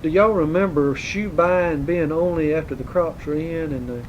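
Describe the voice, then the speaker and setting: Higher-pitched Southern man interviewing informally. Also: moderate pace, muffled recording. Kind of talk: informal oral history interview. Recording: faint rumbling noise on home tape.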